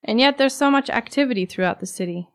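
A woman with a somewhat high voice co-hosts a scripted educational podcast. She asks friendly, curious questions and adds short remarks of her own. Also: fast talker. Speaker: podcast co-host.

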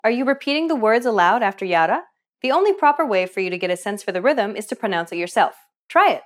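A woman hosting a pronunciation course, narrating a scripted lesson in a clear, explanatory teacher's manner. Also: a little high, big pitch swings, fast talker. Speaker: language course host.

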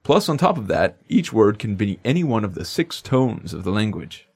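A man's voice: lowish voice, sing-song, normal speed, slightly rough. A man co-hosting a language lesson podcast in upbeat, jokey scripted banter.

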